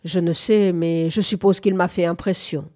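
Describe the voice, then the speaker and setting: A woman's voice: fairly low pitch, steady tone, moderate pace, mellow, close to an everyday voice. A woman reading aloud, voicing a curt, moody young farm woman with a terse, sullen manner. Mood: guarded.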